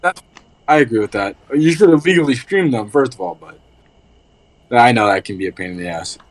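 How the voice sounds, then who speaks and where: A man's voice: medium pitch, animated, fairly quick, low-quality recording. A man hosting a casual podcast, loose and profane, rambling with lots of fillers. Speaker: podcast host.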